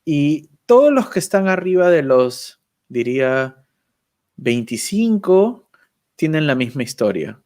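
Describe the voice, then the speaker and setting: A man's voice: fairly high pitch, big pitch swings, slow, a little mellow. Reflective man on a video call. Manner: thoughtful, self-deprecating, tags phrases with a questioning "right?". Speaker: guest YouTuber. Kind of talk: casual chat.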